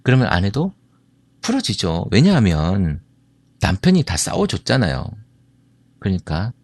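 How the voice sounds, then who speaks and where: A middle-aged speaker on marriage and family from Jeolla, South Korea, tells stories to an audience and asks them questions. His fairly low, slightly mellow voice swings hugely in pitch and runs a little slow, with no room sound.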